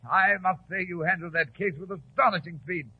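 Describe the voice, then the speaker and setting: Husky, high-voiced genial English doctor. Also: male voice, moderate pace. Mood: puzzled, affable. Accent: British. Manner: hesitant, fussy, affable. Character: genial, flustered English doctor, loyal sidekick to detective. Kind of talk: 1940s radio drama acting and narration. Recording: muffled, lo-fi 1940s radio recording.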